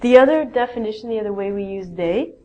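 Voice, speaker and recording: A woman's voice: medium pitch, lively intonation, fast, highs cut off. A woman teaching a basic English grammar lesson, patiently explaining rules and reading out example sentences.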